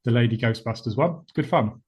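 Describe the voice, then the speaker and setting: Podcast guy, chatty, laughs at himself a lot, middle pitch. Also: fairly quick, darkish tone, husky. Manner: chatty, laughs often, self-deprecating. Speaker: podcast co-host. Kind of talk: casual chat.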